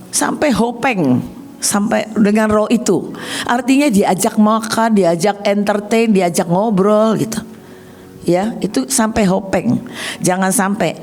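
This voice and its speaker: A woman's voice: fairly high pitch, darkish tone. A middle-aged woman coach giving a personal testimony sermon, speaking in an earnest, conversational and emotional way.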